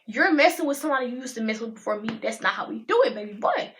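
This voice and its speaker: A teenage woman, telling a storytime in a chatty, animated way and talking to viewers as y'all. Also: a little high, quick pace. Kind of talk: casual storytime vlog.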